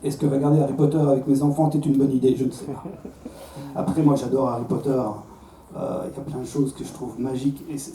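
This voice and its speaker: On a comedy club stage, a Belgian man in his thirties with a Belgian French accent delivers a self-mocking set full of stammered restarts. His mid-range voice sounds warm, with slight background noise. The sound is roomy and distant, with a faint crowd.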